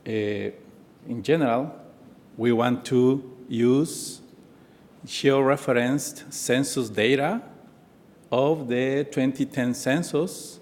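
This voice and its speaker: A man's voice: medium pitch, slow pace, darkish tone. Mexican-accented man presenting in a hall. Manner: hesitant, many fillers and restarts. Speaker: conference presenter. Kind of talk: conference presentation. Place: conference room. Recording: hall reverb.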